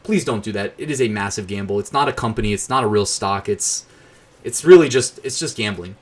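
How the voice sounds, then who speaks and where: A man's voice: lowish voice, brisk. A young man hosting his own channel, talking casually to camera and thinking aloud with fillers and self-corrections. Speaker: YouTube host.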